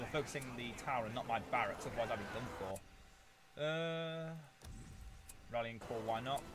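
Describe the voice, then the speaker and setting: A man's voice: mid-range voice, noisy background. A man giving strategy game commentary as a video host, playfully theatrical, talking to his units and making mock threats.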